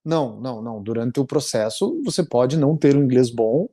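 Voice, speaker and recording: A man's voice: mid-range voice, lively intonation, dark tone. Brazilian guy in his 40s, interview guest, stops and restarts a lot, earnest. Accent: Brazilian Portuguese. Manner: halting, many restarts, earnest. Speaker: interviewee, immigration client. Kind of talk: emotional conversational storytelling.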